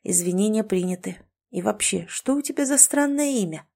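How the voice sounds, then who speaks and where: A woman's voice: medium pitch, expressive, moderate pace, creaky, mellow. A woman reading the lines of a touchy young man trapped in a kitten's body in an audiobook, close to her own voice. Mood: grumpy. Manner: grumpy, condescending.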